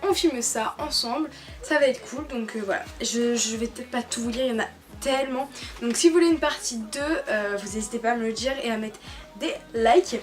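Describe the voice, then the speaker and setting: A woman's voice: on the high side, a little fast, soft background music. A young woman from France chatting casually on her bed in her bedroom, laughing often, with many fillers and restarts, filmed by a camera on a tripod. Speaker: YouTuber. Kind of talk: casual vlog chat.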